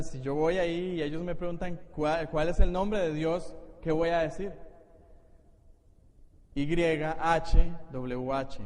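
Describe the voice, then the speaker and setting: A man's voice: on the high side, darkish tone. A man with a Costa Rican accent, a pastor giving a Bible study to his congregation in an explanatory teaching manner. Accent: Costa Rican Spanish. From Costa Rica. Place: church hall. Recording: echoey church hall, faint noise.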